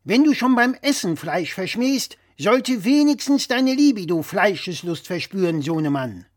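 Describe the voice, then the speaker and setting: A man voicing a blustering, opinionated, old-fashioned father who lectures loudly and with emphasis. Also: high-pitched, no room sound, studio quality, pitched above the performer's own voice, exaggerated voice.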